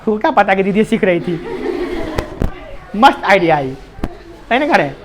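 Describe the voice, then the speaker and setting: A man's voice: high voice, big pitch swings, measured pace, noisy background. Chatty Bihari-accented male maths teacher. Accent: Bihari Hindi. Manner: chatty, teasing, joking with the class. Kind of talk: classroom lesson.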